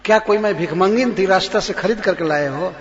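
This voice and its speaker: A man voicing a furious, taunting queen who throws loud accusing questions at her husband. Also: sits high, brisk, lightly acted. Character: furious taunting queen, proud king's daughter. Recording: long reverb, dull lo-fi sound.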